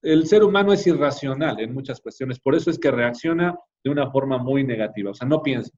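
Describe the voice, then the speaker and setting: A man with a Mexican accent leads a church class, talking casually and checking in with his listeners. His voice sits at an ordinary middle pitch. The recording sounds a little dull and lo-fi. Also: expressive, a little fast, a little mellow. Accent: Mexican Spanish. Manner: conversational, frequent tag questions, addresses the class directly. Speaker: Bible class teacher.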